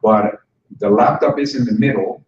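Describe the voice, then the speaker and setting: At a conference, a man with a lowish voice speaks at a moderate pace, giving a conversational presentation to instructors and joking with the audience now and then. He's picked up by a distant mic in a conference room, so the sound is roomy, dull and slightly noisy.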